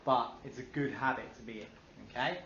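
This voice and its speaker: A man's voice: medium pitch, fairly even intonation, a little fast, pushed and bright, a little hiss or hum. A male teacher giving a classroom lesson, upbeat, asking the class questions and praising their answers. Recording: dull echoey classroom recording.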